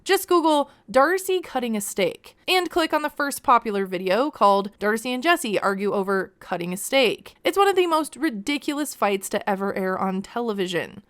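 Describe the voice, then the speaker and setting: Woman, reality TV recap host, high smooth voice, lively intonation, chatty, wry, gossipy. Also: normal speed, few pauses. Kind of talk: casual scripted commentary.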